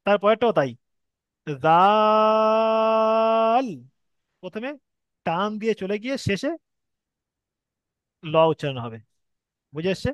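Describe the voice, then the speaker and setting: A man's voice: high voice, big pitch swings, normal speed, long pauses, dry recording, muffled recording. A man with a Bengali accent teaching Arabic letter reading, patiently explaining step by step and stretching sounds to demonstrate. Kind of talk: online Quran reading lesson.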